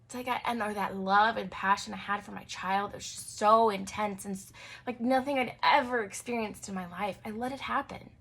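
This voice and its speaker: A woman's voice: mid-range voice, steady tone, brisk, fairly bright tone, husky. A young adult woman hosting her own podcast as a naturopathic doctor, talking casually with frequent fillers and light laughs. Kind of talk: casual solo podcast talk.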